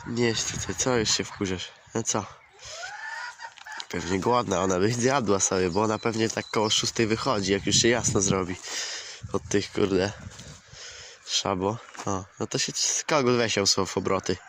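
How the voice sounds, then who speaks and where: Recorded on an outdoor camera with clear farmyard sound, including clucking hens and a crowing rooster, a poultry-keeping vlogger talks casually to viewers. He coaxes and scolds his chickens and swears occasionally, his lowish voice steady and moderately paced.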